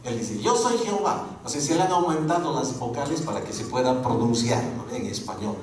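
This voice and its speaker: A man teaching a Bible course, lecturing a class with lively rhetorical questions. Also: medium pitch, brisk. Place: school classroom. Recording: very echoey room, mic far off, faint noise.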